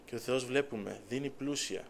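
A man's voice: mid-range voice, creaky, a little hiss or hum. A man giving a sermon testimony, telling his story earnestly with quoted dialogue. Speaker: preacher.

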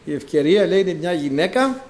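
A middle-aged man preaching a sermon, acting out quoted voices and swinging from loud to hushed. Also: high voice, lively intonation.

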